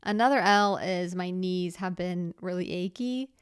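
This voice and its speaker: Chatty young woman podcaster, smooth voice. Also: fairly low pitch, unhurried, dry recording, clean studio sound. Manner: chatty, rambling, with many fillers and restarts. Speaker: podcast host. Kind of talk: casual solo podcast chat.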